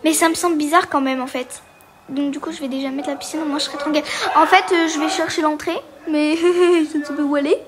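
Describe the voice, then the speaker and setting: A Portuguese woman who makes gaming videos chats her way through a game, her commentary casual, hesitant and packed with fillers. She speaks quickly in a high, steady voice.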